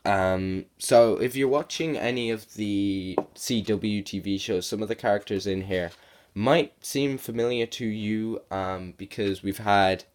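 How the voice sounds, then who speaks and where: A man's voice: on the low side, unhurried. A man with a sore throat and sniffles giving a casual, rambling video review as a comic book reviewer.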